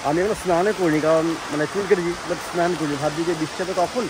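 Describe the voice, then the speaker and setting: A young man vlogging on a rooftop in the rain, talking quickly and casually as he narrates each step. The phone recording carries a steady wash of noise behind his voice. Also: on the high side. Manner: chatty, narrates what he is doing as he goes.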